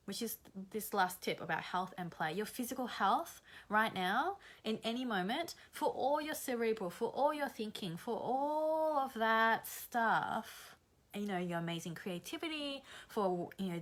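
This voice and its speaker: A woman coaching creative viewers on a live stream, slightly hoarse after the flu, energetic and blunt but encouraging, reading out viewer comments as she goes. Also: on the high side.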